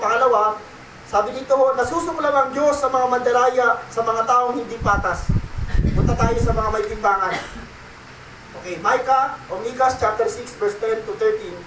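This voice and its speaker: A male pastor with a very high-pitched voice delivers a church sermon. He keeps asking "okay?" and slips into English now and then. The voice rings out in a roomy church hall, picked up from some distance, with a faint hum of ambience behind it. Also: fairly bright tone. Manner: preaching with repeated "okay?" check-ins and Taglish. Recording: echoey church room, mic at a distance.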